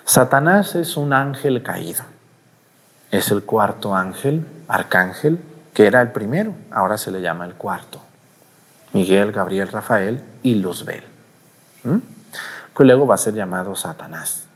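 A man preaching a sermon in an animated way, asking his listeners questions. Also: lowish voice, a little slow, husky. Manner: animated, asks the audience questions. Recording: long hall reverb.

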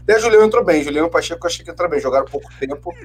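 A man's voice: a little high, lively intonation, slight background noise. A man co-hosting a casual football chat, giving his opinions firmly. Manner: fast, casual, gives firm opinions. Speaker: football podcast co-host.

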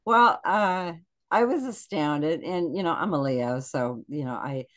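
A woman guest in casual podcast chat, animated and acting out quotes in lively voices. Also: deep voice, measured pace.

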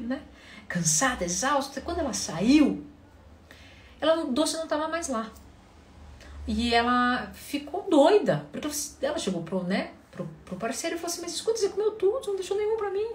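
Animated woman therapist telling a case. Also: mid-range voice. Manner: animated storytelling, acts out client quotes. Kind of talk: talk to an audience. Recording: roomy with faint background noise.

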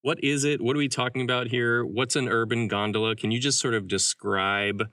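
A man's voice: medium pitch, a little fast, no echo, studio quality, far from the mic. A young man co-hosting a podcast, talking in a loose, rambling way with lots of filler words. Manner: relaxed, rambling with many "like" fillers. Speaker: podcast co-host. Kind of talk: casual chat.

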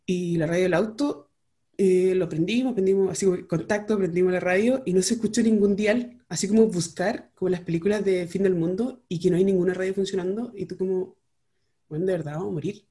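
A woman's voice: lowish voice, fairly even intonation, fairly quick, dark tone. A woman with a Chilean accent, telling a personal story in a casual, rambling way, full of slang and fillers.

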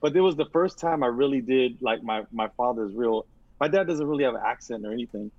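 A man from San Francisco telling animated stories in casual chat, often slipping into impressions of family and neighbors. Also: medium pitch, fast, no echo, dull audio.

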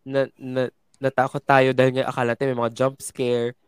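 A man's voice: mid-range voice, monotone, normal speed, clean tone, no room sound, studio quality. A man from the Philippines co-hosting a casual podcast, playful and switching between Tagalog and English. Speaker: podcast co-host.

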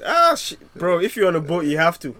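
A young man co-hosting a casual sports chat, excitable, laughing often and stumbling into restarts. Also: a little high, fast. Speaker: podcast co-host.

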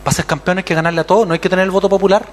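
A man's voice: sits high, very fast, a little hiss or hum. A man with a Chilean accent preaching a sermon as pastor, acting out other voices and calling for amens. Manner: animated, acts out voices and calls for amens.

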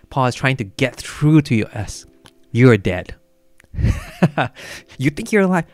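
A man leading a Bible study, thinking aloud through a passage in a musing, halting way, restarting often and laughing softly. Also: on the low side.

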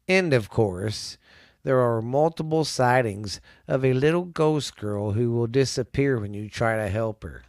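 With his voice congested from a sinus cold, this podcast host rambles casually and now and then sinks into eerie low whispers. He sounds expressive and keeps a measured pace. The studio sound is clean, with no echo.

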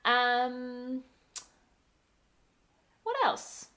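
A young woman co-hosting a podcast, talking thoughtfully with many pauses and fillers. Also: on the high side, monotone, bright, forceful tone. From Australia. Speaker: podcast co-host. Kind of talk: casual podcast conversation.

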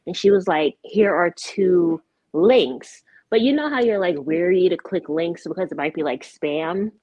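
Young woman guest, outspoken and candid, lowish voice, dull lo-fi sound. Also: expressive, measured pace, darkish tone, breathy edge, no echo. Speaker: guest, artist. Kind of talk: casual interview. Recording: dull lo-fi recording.

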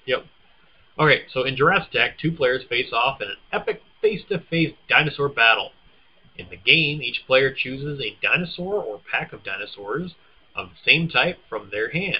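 Husky playful man on a dull lo-fi recording. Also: medium pitch, lively intonation, normal speed. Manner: playful, teasing. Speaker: podcast co-host. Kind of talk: casual chat, reading game blurbs.

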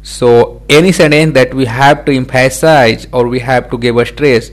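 A man's voice: mid-range voice, steady tone, moderate pace. A man with a mid-range voice teaches a grammar lesson. He explains each point step by step, stacks up example sentences and often checks in with the listener. His delivery is repetitive and full of small fillers.

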